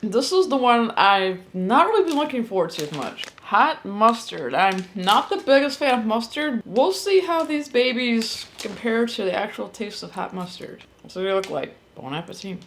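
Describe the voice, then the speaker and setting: A woman's voice: on the high side, big pitch swings, normal speed, hardly any pauses, fairly bright tone, a little hiss or hum. A woman giving a candid, casual tasting review as the host, in plainspoken style.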